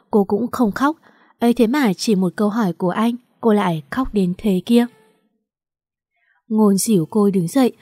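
A woman narrating a romance story in a steady, expressive reading. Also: mid-range voice, no room sound, clean studio sound.

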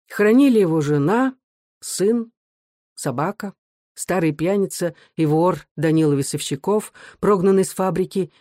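A narrator reading a classic novel in a steady, even storytelling manner. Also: mid-range voice, no echo, studio quality. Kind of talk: audiobook narration.

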